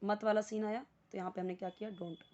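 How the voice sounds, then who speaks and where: Casting: Indian woman, English tutor, patient, drills phrases slowly, slightly dull recording. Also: mid-range voice, little pitch movement, a little mellow. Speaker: English teacher. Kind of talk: spoken English lesson in Hindi.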